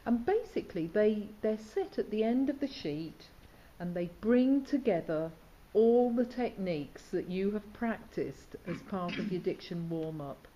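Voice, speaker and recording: A woman's voice: mid-range voice, lively intonation, measured pace, hardly any pauses, warm tone, lo-fi sound, slight background noise. A woman teacher instructing students in diction, asking questions and demonstrating sounds. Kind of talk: questioning students and explaining exercises.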